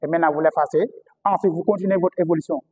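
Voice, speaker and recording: A man's voice: fairly high pitch, fairly even intonation, very fast, a little mellow, husky. A man with a Senegalese French accent teaching historical phonetics to a class, often repeating key words and asking rhetorical questions. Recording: reverberant classroom.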